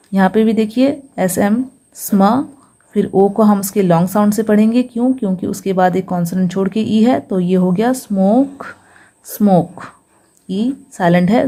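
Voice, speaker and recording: A woman teaches English reading step by step, breaking each word into slow, careful sounds before putting it together. Her voice is mellow and warm, at an ordinary middle pitch for a woman, and she checks in with her listeners again and again. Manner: patient, sounds out each syllable slowly, says "ठीक है" often. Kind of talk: step-by-step phonics lesson.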